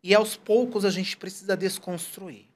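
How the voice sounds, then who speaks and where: A man's voice: high voice, normal speed. A man in his forties, a guest in a casual interview, telling stories and quoting people in short put-on voices. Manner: animated, storytelling, quotes people in put-on voices.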